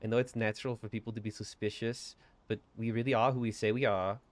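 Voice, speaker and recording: A man's voice: lowish voice, level tone, fast, noisy background. A young man from Colorado chatting casually on a live stream, laughing easily and answering his chat. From Colorado, USA.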